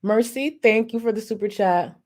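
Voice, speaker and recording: A woman with a fairly high, slightly mellow voice talks at a moderate pace. She's livestreaming, reacting to a video and reading super chats aloud with sassy, profane, mocking remarks and lots of laughter, in a casual commentary style.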